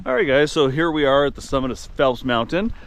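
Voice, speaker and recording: A man's voice: medium pitch, sing-song, a little fast, fairly bright tone. A man hosts an outdoor adventure vlog in a casual, chatty way. He speaks to the camera out in the open, with faint noise in the recording. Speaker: host of a hiking vlog. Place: outdoors in winter mountains.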